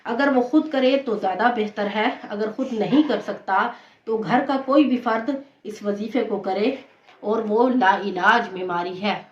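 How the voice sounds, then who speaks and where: A woman's voice: medium pitch, measured pace. A woman, a religious teacher, giving patient devotional instruction and repeating key points steadily. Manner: steady, patient explaining with frequent repetition. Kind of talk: devotional instruction on prayer recitations. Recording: roomy, dull lo-fi recording.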